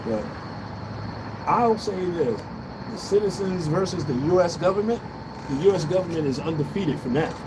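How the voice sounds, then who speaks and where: A man's voice: on the high side, lively intonation, moderate pace, pauses often. An American man ranting casually to a livestream, blunt and profane, repeating phrases for emphasis. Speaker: livestream host. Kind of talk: casual livestream political rant. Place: outdoors on an urban balcony. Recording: loud outdoor city traffic noise. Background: street ambience and vehicles.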